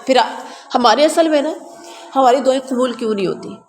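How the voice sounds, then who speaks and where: A woman's voice: high-pitched, soft background music. A woman teaching a word-by-word translation lesson to a class, explaining, repeating words and quizzing her listeners. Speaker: Quran teacher. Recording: long reverb, faint ambient noise.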